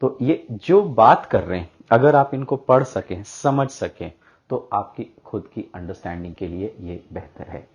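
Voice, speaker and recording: A man's voice: fairly low pitch, expressive, measured pace, a little mellow, breathy edge. Man, teacher, Hindi-mix, explanatory, muffled lo-fi sound. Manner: explanatory, with frequent "uh" fillers. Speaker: English teacher. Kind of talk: bilingual Hindi-English lesson. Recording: dull lo-fi audio.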